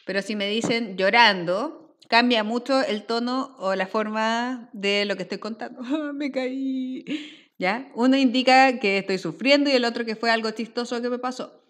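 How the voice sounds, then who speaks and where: A woman's voice: a little high, moderate pace, few pauses, fairly bright tone. A woman teacher giving a recorded language lesson, explaining step by step and often checking in with her students.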